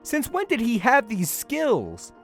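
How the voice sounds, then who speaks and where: An anime reviewer delivers an opinionated, scripted video-essay-style review with casual asides, speaking slowly. His pitch swings hugely as he sounds exasperated and sarcastic, stressing key words, while soft music plays underneath.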